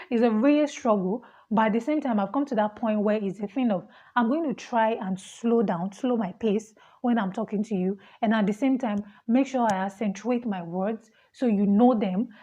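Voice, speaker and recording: A young woman with a Nigerian accent, a fast talker who laughs often as she speaks casually to camera about being a student. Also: fairly high pitch, warm tone, muffled recording. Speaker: vlogger, international student.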